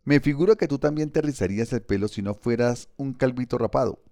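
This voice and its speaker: A man's voice: mid-range voice, a little fast, darkish tone, no echo, studio quality, close to an everyday voice. A man reading a storybook, voicing a taunting older bully boy with a sneering, provoking manner.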